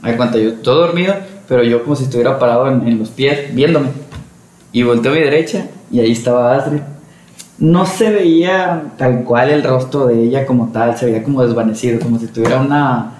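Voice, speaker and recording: A man with a Mexican Spanish accent, telling a personal story at a measured pace in casual podcast chat. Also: medium pitch, a little mellow. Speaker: podcast co-host. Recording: echoey room, faint noise.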